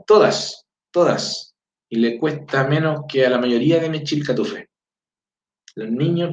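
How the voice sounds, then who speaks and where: A Chilean man teaching his language in casual talk, checking in with listeners and reading out greetings. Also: mid-range voice. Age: adult with a four-year-old daughter. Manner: conversational, fillers, frequent "¿ya?" checks. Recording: roomy, distant, dull lo-fi sound.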